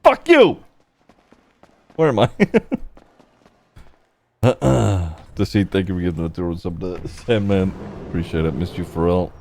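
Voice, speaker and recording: A man's voice: low voice, darkish tone, slight background noise. A male streamer roleplaying in a game and chatting with viewers, incredulous and laughing at his friend. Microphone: streaming mic.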